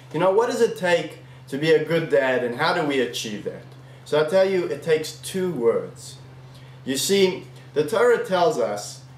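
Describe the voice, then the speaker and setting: A man giving a weekly sermon message as a rabbi, telling stories earnestly with emphatic pauses. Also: on the high side. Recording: echoey room, mic far off.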